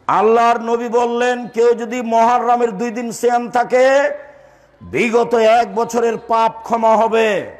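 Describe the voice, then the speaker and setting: An older man preaching a sermon, teaching his audience, repeating key points, asking them questions and scolding those who talk. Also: sits high. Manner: scolds listeners for talking. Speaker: Islamic preacher.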